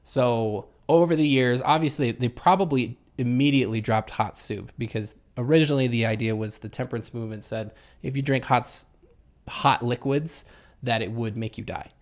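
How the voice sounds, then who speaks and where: A man co-hosting a relaxed podcast, his voice sitting at an ordinary middle pitch. He rambles through stories, swears casually and keeps the talk loose. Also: normal speed. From Utah. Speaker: podcast co-host. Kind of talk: casual chat.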